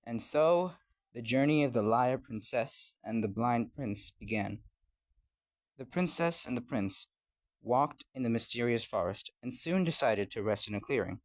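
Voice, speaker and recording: A man narrates a scripted fairy tale in the manner of a storyteller, his delivery expressive and storybook-like. His pitch sits in the middle range and he takes his time.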